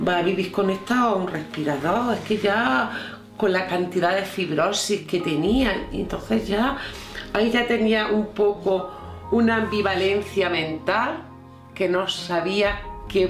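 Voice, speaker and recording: Spanish woman, hospital colleague, slow and measured, low voice, echoey room. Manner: reflective, measured. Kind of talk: documentary interview. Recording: roomy room with faint music.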